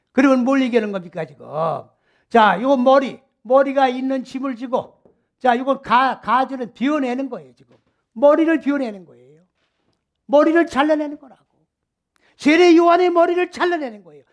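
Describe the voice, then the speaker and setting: Pastor, male, middle-aged, very high-pitched voice, emphatic sermon delivery with rhetorical questions. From South Korea. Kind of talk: expository sermon.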